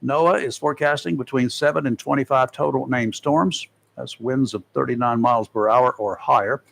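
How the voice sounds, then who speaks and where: A man's voice: medium pitch, moderate pace, creaky, fairly bright tone. A man hosting a local radio talk show, reading safety tips with folksy, joking asides. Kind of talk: casual radio talk and read-out segment. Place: radio studio.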